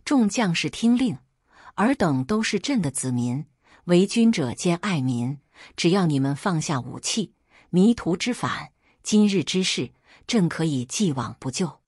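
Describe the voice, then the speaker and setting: A woman's voice: mid-range voice, sing-song, normal speed, darkish tone, slightly rough, no room sound, clean studio sound. Woman doing a commanding young emperor. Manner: imperious, proclamatory.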